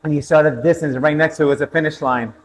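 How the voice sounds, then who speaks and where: A man's voice: fairly high pitch, steady tone, very fast, in a large hall, faint music behind, low-quality recording. A man coaching an indoor cycling class, telling a personal race story between motivational interval cues and countdowns.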